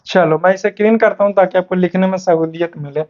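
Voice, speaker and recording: A male teacher giving an online class lesson, switching between Hindi and English and reading questions out slowly word by word. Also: high-pitched, fairly even intonation, a little hiss or hum. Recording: dull lo-fi sound.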